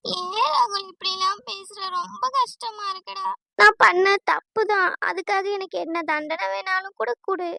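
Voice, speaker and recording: A woman's voice: extremely high pitch, steady tone, moderate pace, gravelly, bright, forceful tone, no echo, faint music behind, heavily acted. A woman voicing an anxious young bride in a cartoon, pleading and apologetic.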